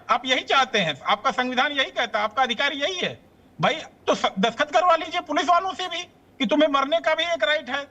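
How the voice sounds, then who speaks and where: A man speaking as a panel guest in a heated political debate, arguing forcefully with rhetorical, indignant questions. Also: very high voice.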